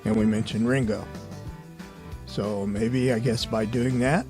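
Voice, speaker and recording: A medium-pitched man hosts a paranormal investigation show, offering a casual recap in voice-over. His manner is relaxed and conversational, and he frequently hedges his opinions.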